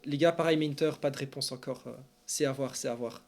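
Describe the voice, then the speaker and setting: This Belgian streamer covers esports news and replies to his viewers in loose, meandering chat stuffed with fillers. His medium-pitched voice is gravelly and brisk, and his manner stays lively and talkative.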